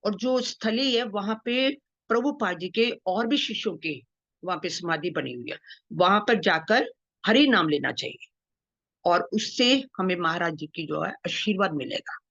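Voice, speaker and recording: A woman giving a devotional talk, retelling stories earnestly with gentle emphasis and quoted dialogue. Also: fairly low pitch, expressive, moderate pace, no room sound. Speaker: devotional speaker. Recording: dull dry lo-fi sound.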